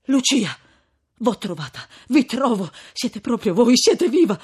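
Young peasant lover, desperate and insistent, put on by a woman narrator; breathy, lively storybook delivery. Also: fairly low pitch, normal speed. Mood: urgent pleading. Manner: urgent, heated, pleading.

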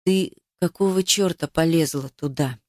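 A gruff, hot-headed young man, as a woman reader puts him on, speaking low and clipped and swearing when pushed. His voice is dry and close, with no room around it. It is an audiobook character voice. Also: moderate pace, no room sound. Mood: angry. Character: hot-tempered young man, protective and fierce.

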